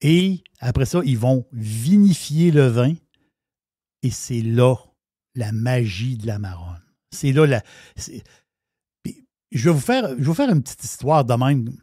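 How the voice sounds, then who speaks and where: A man's voice: medium pitch, expressive, a little slow, warm tone, slightly rough, dry recording, studio quality. Enthusiastic Québécois man talking wine. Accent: Québécois French. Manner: enthusiastic, rambling, many restarts. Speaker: wine columnist. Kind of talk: casual radio chat.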